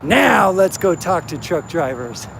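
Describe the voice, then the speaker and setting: Carrying his gear across a truck stop parking lot, a man runs a casual live stream, upbeat and speaking right to his viewers. His gravelly voice sits high for a man, very animated yet a little slow. The handheld phone picks up loud vehicle and street noise from the open lot underneath him.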